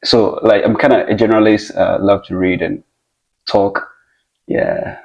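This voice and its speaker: Man from Ghana, very low voice, monotone, hesitant and reflective, slightly dull audio. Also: gravelly. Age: young adult. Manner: measured, reflective, with many hesitations. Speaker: guest. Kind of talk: casual interview conversation.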